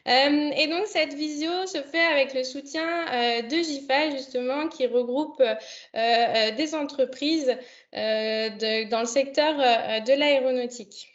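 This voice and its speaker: A young woman with a high voice hosts a live online session. She stops often on fillers and restarts her sentences. Her voice comes through a dull, lo-fi video call line. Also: a little slow. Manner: hesitant, many fillers. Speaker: online event host. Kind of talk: hosting a video conference. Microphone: computer mic on a video call.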